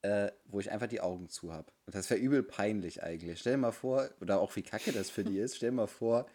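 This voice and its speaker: A man's voice: fairly low pitch, fast talker, dark tone, breathy edge. A young man co-hosting a casual podcast chat, teasing and rambling as he talks. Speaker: podcast co-host.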